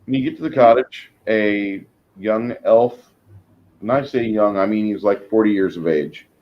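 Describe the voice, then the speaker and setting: Male game master, fairly low voice, halting improvised scene description, dull muffled recording. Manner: halting, pausing mid-sentence to search for words. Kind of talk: improvised tabletop game narration.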